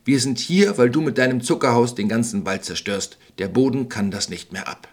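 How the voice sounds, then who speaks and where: A man's voice: medium pitch, a little fast, natural voice. Gretel, man doing a determined girl. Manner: firm, resolute.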